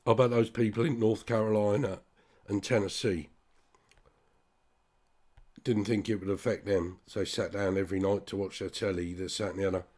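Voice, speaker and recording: A man's voice: lowish voice, darkish tone, slightly rough. A British man talking straight to his listeners in a blunt, sweary, rambling monologue. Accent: British English. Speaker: vlogger. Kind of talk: casual ranting monologue.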